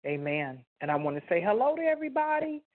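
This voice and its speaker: A woman's voice: medium pitch, very animated, fast talker. Woman co-host, faith radio; fervent and exuberant, heard over a phone line.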